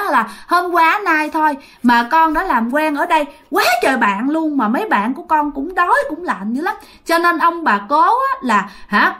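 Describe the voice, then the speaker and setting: A woman putting on a little ghost boy, whining and pleading in a childish sing-song. The voice sits high and bounces up and down, repeating itself like a small child would. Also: fairly bright tone. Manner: childish, complaining, repetitive. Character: whiny little boy ghost, six or seven.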